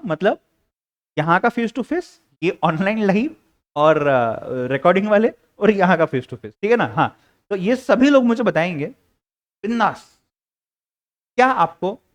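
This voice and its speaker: A man's voice: sits high, sing-song, measured pace, pauses often. A young Indian man teaching a live class, mixing English into his talk and playfully coaxing students to call out answers. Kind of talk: interactive classroom lecture.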